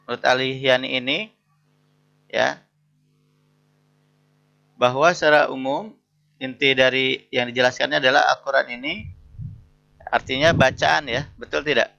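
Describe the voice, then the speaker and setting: Gravelly male lecturer, lo-fi audio. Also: medium pitch, fairly even intonation, sharp tone. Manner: reads Arabic phrases slowly, then explains each one, keeps asking "betul tidak?". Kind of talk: interactive lesson.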